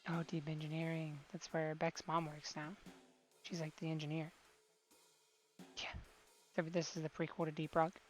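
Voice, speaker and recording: A woman's voice: low-pitched, completely flat delivery, moderate pace, pauses often. A woman streaming a game live, chatting casually, joking and swearing as she plays. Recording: dull lo-fi live stream with faint game music.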